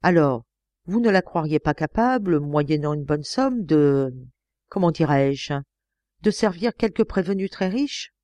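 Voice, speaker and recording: A woman's voice: deep voice, expressive, a little slow, a little mellow, no echo. Woman reading an eager young detective. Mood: urgent. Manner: urgent, pressing questions. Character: young male police detective, eager and insistent. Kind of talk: audiobook character reading.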